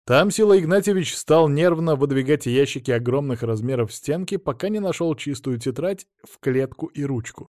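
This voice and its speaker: A man narrating an audiobook in a steady, expressive reading. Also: on the high side, moderate pace, hardly any pauses, dry recording, clean studio sound.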